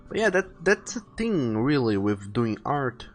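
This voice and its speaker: Here the artist-host speaks in a slightly high voice with big swings in pitch, keeping a measured pace through his casual stream chat. He reads viewer messages aloud and hands out advice over faint background music.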